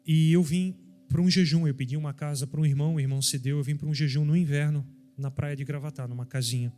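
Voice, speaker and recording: A man's voice: fairly high pitch, fairly even intonation, fast, warm tone. A middle-aged man preaching a sermon, emphatic and addressing his listeners directly. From southern Brazil.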